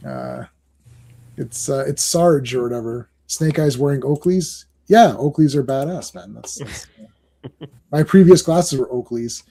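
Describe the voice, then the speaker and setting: Brief: male podcast host, somewhat high and mellow voice, excitable and rambling, laughs a lot. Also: measured pace, gravelly. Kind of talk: casual chat, reviewing comics.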